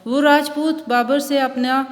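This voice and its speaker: A woman teacher giving a recorded school lesson, explaining punctuation and reading a story aloud at a slow, careful pace. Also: high-pitched, steady tone, in a large hall. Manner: reads textbook examples and a story aloud, explaining slowly. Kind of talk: online Urdu class lecture.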